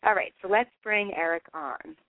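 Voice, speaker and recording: A woman's voice: medium pitch, normal speed, no room sound. A woman with a New Jersey accent hosting a casual interview show in a chatty, effusive way. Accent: Northeastern US, New Jersey. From New Jersey, United States. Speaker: radio show host, interviewer. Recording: dry, tinny phone-line radio audio.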